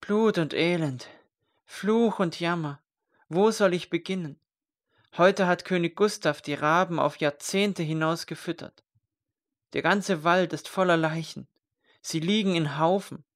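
A man's voice: a little high, a little slow, voice pushed up. A man voicing a distraught young scribe. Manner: anguished, crying out. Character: distraught young male scribe, grief-stricken.

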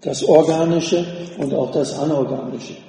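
A man preaching a sermon in a slow, measured way with deliberate pauses, recorded from a distance in an echoey church hall. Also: a little high, steady tone, dark tone.

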